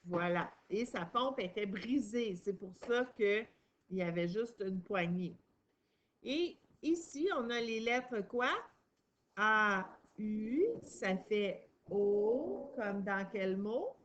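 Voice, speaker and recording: A woman's voice: mid-range voice, animated, slow, a bit bright, muffled recording, slight background noise. A woman teaching a young child to read, patient and encouraging, stressing each sound and syllable. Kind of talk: reading lesson for a young child.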